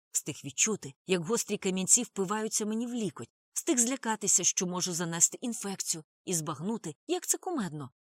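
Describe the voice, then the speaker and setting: A woman narrating a novel as an audiobook, reading expressively with sudden lifts and drops in pitch. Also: dry recording, studio quality.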